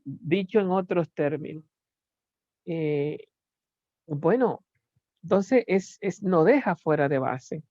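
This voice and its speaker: Unhurried and deliberate, this lecturer frequently stops to search for words and relies heavily on rhetorical questions, yet sounds animated. The medium-pitched voice is slightly mellow, captured in a dull, lo-fi recording that is dry, close and echo-free.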